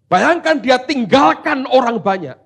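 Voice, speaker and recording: A male pastor preaching a sermon. He switches between hushed asides and loud, dramatic exclamations. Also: very high-pitched, animated, measured pace, vocal fry, breathy edge.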